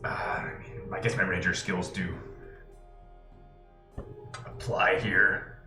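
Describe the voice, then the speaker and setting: A man's voice: low-pitched, little pitch movement, slow, pushed and bright. A man playing a tabletop game with friends, joking and laughing often. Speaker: player. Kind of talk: casual tabletop play. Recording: echoey room with music.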